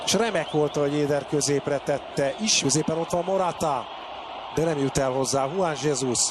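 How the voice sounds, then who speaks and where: This is a thrilled man calling a football match in a fairly high voice. His calls of players are brief and urgent, surging at every chance, and the broadcast sound is noticeably noisy.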